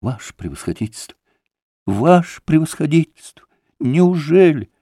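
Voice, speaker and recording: A man's voice: fairly high pitch, very animated, moderate pace, dark tone, husky, no room sound, clean studio sound, voice pushed up. A man voicing a desperate, poor staff captain who keeps pleading and breaking off his words. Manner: imploring, breaking off mid-plea.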